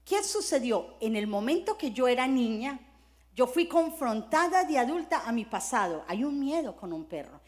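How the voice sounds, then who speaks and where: A woman's voice: sits high, very animated, moderate pace, a little mellow. A middle-aged woman pastor preaching a sermon, telling personal stories and acting out scenes as she goes. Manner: storytelling, acts out scenes with sound words.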